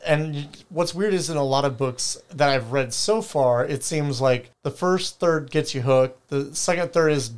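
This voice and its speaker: A co-host on a book podcast speaks in a relaxed, casual way about a novel. They hedge often, with a lot of "like" and some restarts. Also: medium pitch, measured pace, hardly any pauses, clean tone. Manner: relaxed, hedging, with frequent "like" and restarts.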